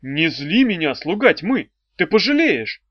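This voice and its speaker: A man's voice: on the high side, expressive, measured pace, no echo. A man voicing a proud, earnest male servant of light who lectures. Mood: defiant. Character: earnest male light being, proud, preachy flute player. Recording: dry, slightly dull audiobook recording.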